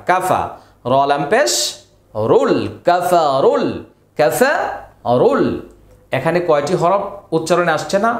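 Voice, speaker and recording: Man teaching Quran reading, echoey room. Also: on the high side. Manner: spells letters and vowel marks slowly, then explains rules briskly. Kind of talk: spelling out and chanting Quran verses.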